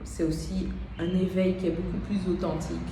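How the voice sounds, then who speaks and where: A woman in her thirties, a life coach giving an unscripted motivational talk, speaking straight to the listener and pausing often on "euh". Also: on the low side. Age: 30s. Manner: unscripted, addresses listener as "tu", many "euh" pauses. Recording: very echoey room with steady background noise.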